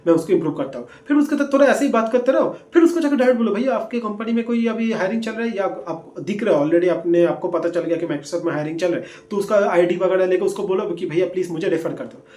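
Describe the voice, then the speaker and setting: A man's voice: sits high, quick pace, hardly any pauses, warm tone. A young man explaining job-hunting steps in a casual, chatty lesson, checking in with listeners as he goes. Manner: chatty, repeats points, frequent fillers and "theek hai" check-ins. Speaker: career advice presenter. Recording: echoey room.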